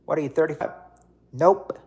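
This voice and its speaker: A mellow, fairly high-pitched man's voice with a breathy edge moves at normal speed. He's a livestream host in his late thirties reading viewer comments, casual and rambling, repeating himself with lots of fillers.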